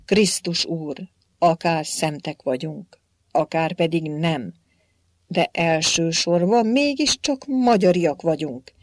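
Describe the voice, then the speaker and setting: A woman reading as a defiant, blustering old Hungarian warrior-king saint, speaking loudly in archaic phrases. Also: fairly low pitch, no echo, clean studio sound, natural voice. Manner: loud, blustering, archaic speech.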